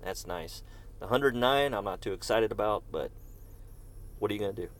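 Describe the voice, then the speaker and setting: A man's voice: fairly low pitch, expressive, normal speed. Chatty man streaming a golf game. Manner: chatty, answers chat viewers by name. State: coughing fits. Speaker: gaming streamer. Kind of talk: casual live-stream commentary.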